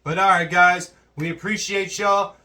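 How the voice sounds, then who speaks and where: A man's voice: sits high, steady tone, a little slow, far from the mic, noisy background. A man co-hosting a casual podcast reaction, blunt and laid-back in tone. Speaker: podcast co-host.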